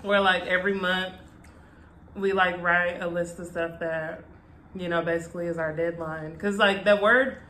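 Girl on a mukbang chatting and chewing, lowish voice, bit of room noise. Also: fairly even intonation, normal speed, sharp tone. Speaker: mukbang video co-host. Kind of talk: casual chat while eating. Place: indoor room at a table. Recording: echoey room, light background noise.

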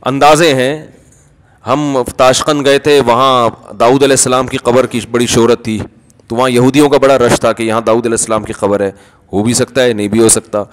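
A man's voice: medium pitch, flat delivery. Man preaching in a reverberant hall. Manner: explanatory, conversational, answers then argues with examples. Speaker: cleric answering questions. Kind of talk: Friday sermon, question and answer. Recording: long reverb of a large hall.

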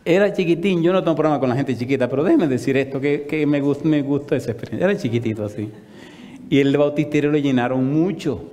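A male pastor telling a testimony in a sermon, an animated storyteller firing off punchy rhetorical questions. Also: fairly high pitch, fast talker. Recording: long reverb of a large hall.

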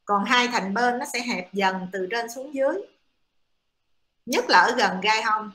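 Woman lecturing with fillers, bright echoey voice. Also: a little high, unhurried. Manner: explanatory, many fillers. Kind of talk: classroom lecture. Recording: echoey room.

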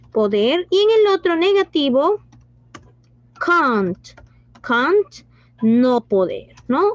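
High-voiced woman teacher. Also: no room sound. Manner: mixes Spanish and English, asks questions and praises pupils. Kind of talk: online class teaching. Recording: dull lo-fi sound.

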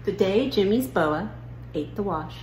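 A middle-aged woman with a mid-range, slightly dark voice presents an educational story time for children, sounding animated and unhurried. She's recorded indoors in a living room by a camera a few feet away, with roomy room sound and faint noise.

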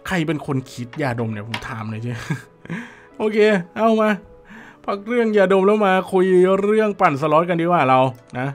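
Hoarse Thai-accented man, slot streamer patter, excitable and chatty, slightly high, game music underneath. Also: quick pace, hardly any pauses. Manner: chatty, excitable, addresses viewers directly. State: hoarse, dry voice. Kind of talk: casual live commentary on an online slot game.

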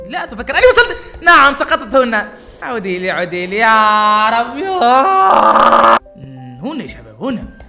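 Excitable fast-talking gaming commentator. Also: mid-range voice. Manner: excitable, mutters prayers, talks to viewers. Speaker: gaming YouTuber. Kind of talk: live gameplay commentary.

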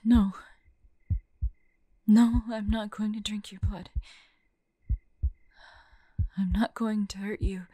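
In an intimate audio roleplay, a woman voices a tormented young monster girl fighting her bloodthirst. Her medium-pitched, dark voice is tender, scared and pleading, halting and often dropping to a whisper, with no room sound.

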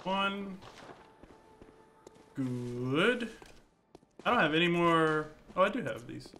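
A man's voice: a little high, animated, slow, sharp tone, soft background music. A man giving laid-back, chatty commentary while streaming a game, chuckling often. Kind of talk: casual gameplay commentary.

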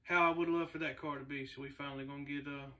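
A man, a race car builder talking casually to the camera in a halting, laid-back way with many fillers. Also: a little high, flat delivery, sharp tone. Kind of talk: casual vlog talk. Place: large indoor garage shop. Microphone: camera a few meters away. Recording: distant camera mic in a garage.

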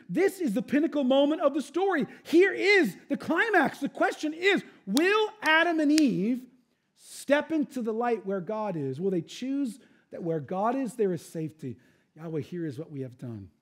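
A pastor preaching a sermon with emphatic swings between loud outbursts and hushed stretches. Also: male voice, very high voice, sing-song, a little slow.

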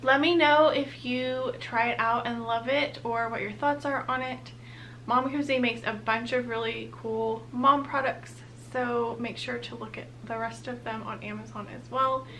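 A woman's voice: on the high side, fairly even intonation, a little slow, pushed and bright, slight background noise. A young woman, heavily pregnant and a bit out of breath, chatting casually through a product unboxing as a vlogger. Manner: chatty, upbeat.

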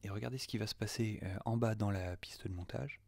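Low, gravelly French man demoing software. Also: fairly quick, no echo. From France. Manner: chatty, many "euh" fillers, mutters asides half under his breath. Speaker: audio producer demoing software. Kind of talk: casual screen-recorded software test.

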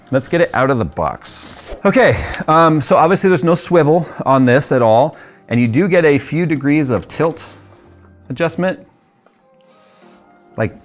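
A man in his forties casually reviewing tech gear, talking in a chatty, rambling way with frequent ums and laughs, in a studio room with a desk setup. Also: mid-range voice. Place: studio workshop and desk setup with purple and red lighting.

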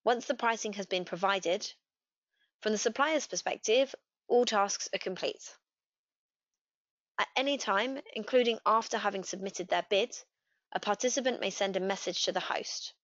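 A woman gives a scripted software walkthrough in a steady, clear voice. The recording is dry, with no room sound. It is also a little dull in tone. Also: mid-range voice, moderate pace, no room sound. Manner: steady, clear step-by-step instruction. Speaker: customer success manager. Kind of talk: scripted software tutorial narration. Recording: dry, slightly dull voice-over.

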